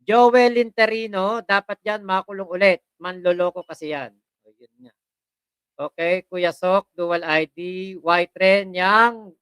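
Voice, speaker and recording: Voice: medium pitch, unhurried, a bit bright, clean tone, no echo. A livestream host casually chatting and reading viewer comments aloud, greeting people by name and laughing often.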